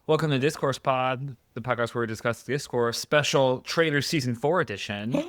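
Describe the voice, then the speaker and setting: A man's voice: mid-range voice, normal speed. A man hosting a podcast, chatting casually with jokes and rambling asides on a close mic. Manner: joking, rambling, trailing off into asides. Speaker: podcast host. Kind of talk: casual chat.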